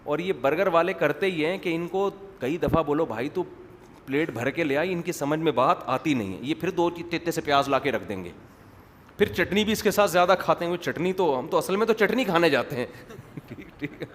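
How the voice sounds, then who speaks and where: A man giving a religious lecture, rambling into joking side stories and acting out what people say. His voice sits fairly high for a man, and it rings with a long hall echo over faint background noise. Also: lively intonation. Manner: digressive, joking, acts out quotes. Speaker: Islamic preacher.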